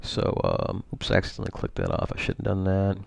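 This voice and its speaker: A deep-voiced man with a gravelly edge talks through his screen share at home. He wanders and corrects himself often, leaning on fillers as he goes. The sound is dry and close, with no room around it. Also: very animated, fast talker, dry recording. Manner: rambling, frequent fillers and self-corrections. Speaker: vlogger. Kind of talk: casual screen-share commentary.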